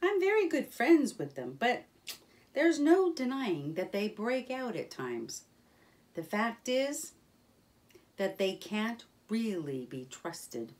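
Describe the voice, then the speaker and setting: A woman voicing a cheerful, proud male water rat in a children's storybook reading, in an animated character voice. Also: high-pitched, slow pace, recorded from a distance, pitched above the performer's own voice, full character voice. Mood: cautious.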